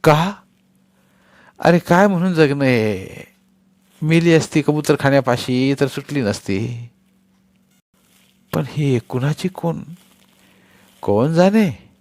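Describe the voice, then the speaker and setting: A man's voice: a little high, expressive, a little mellow, no echo, voice pushed up. Man playing a cranky blunt woman in a storybook, snappy and scolding. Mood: grumbling. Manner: scolding, quick-tempered, blunt. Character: sharp-tongued working woman, short-tempered.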